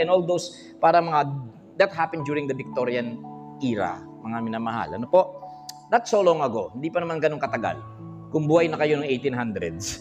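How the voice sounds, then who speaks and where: A high-pitched Filipino man preaches on a livestream in an animated way. He keeps asking his listeners questions and breaks into bits of song. His voice carries a long hall reverb with faint music underneath. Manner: animated, audience questions, bursts of singing. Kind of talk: livestream sermon.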